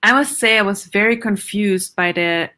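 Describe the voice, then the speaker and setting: Bright-voiced animated Austrian-raised woman. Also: mid-range voice, moderate pace. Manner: animated, laughs often, searches for words. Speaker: psychologist guest. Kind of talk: conversational interview.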